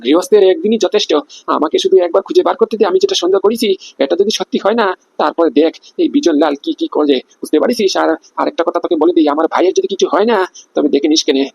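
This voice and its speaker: A man voicing a boastful, threatening male crime boss in a cartoon comedy, with a husky, gravelly voice. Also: sits high, big pitch swings, rapid-fire, darkish tone, no echo, full character voice. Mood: menacing. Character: menacing male crime boss, older brother.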